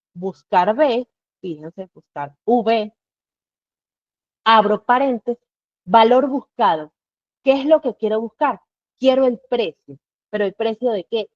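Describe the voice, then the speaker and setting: A woman's voice: fairly high pitch, no echo. A woman giving a live online Excel class, explaining step by step and asking herself rhetorical questions as she goes. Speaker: Excel instructor. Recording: dull lo-fi dry recording.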